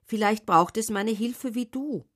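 A woman voicing a kind, gentle young shepherd boy who speaks earnestly in a storybook reading. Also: fairly high pitch, unhurried, voice pushed up.

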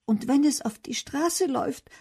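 A woman's voice: moderate pace, dark tone. A woman voicing a frightened little girl who is close to tears, in a children's storybook reading. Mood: tearful, frightened. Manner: high, tearful pleading.

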